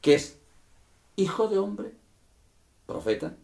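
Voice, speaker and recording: A male pastor delivering a sermon in a fairly high voice. He builds to emphatic bursts, then drops to quiet asides, and keeps asking his congregation questions. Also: big pitch swings, slow pace, vocal fry. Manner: addresses listeners directly with questions.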